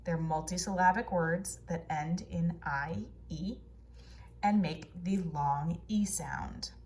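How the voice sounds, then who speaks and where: Slow-spoken woman teaching phonics. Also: fairly low pitch, a little mellow. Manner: slow, drawn-out sound drills. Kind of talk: phonics lesson for children.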